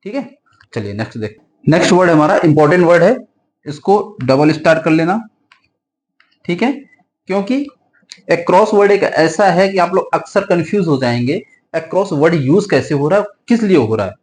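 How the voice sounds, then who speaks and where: Male grammar teacher, fairly high voice, advising classroom tone, slow word-by-word dictation. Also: lively intonation, darkish tone. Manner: explains in Hindi with English examples, dictated slowly word by word; frequent checking "ठीक है" fillers, advising tone. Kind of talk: classroom-style grammar lesson for exam students.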